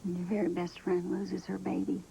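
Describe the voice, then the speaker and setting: An actress playing a down-to-earth mother who comforts her daughter in a soft, homespun way. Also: lowish voice, completely flat delivery, moderate pace, creaky, a little hiss or hum, poor audio. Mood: soothing. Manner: soothing, homespun, soft-spoken. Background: faint background music.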